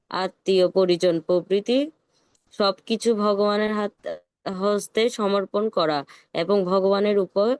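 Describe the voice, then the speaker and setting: Slow, smooth-voiced woman reading aloud. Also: medium pitch, darkish tone, no room sound. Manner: slow, careful reading with small stumbles.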